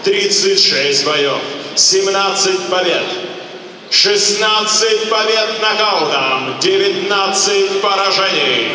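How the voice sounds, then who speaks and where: A man working as a ring announcer, introducing fighters in a dramatic style with drawn-out names. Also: bright, forceful tone, heavy reverb, in a large hall, recorded from a distance. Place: large indoor ice arena. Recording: boomy arena PA from afar, noisy crowd.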